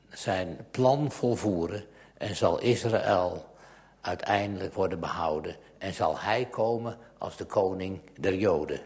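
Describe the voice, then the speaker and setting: A man preaching a sermon and reading from the Bible, growing emphatic and louder on scripture and dropping to a hush at times. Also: on the low side.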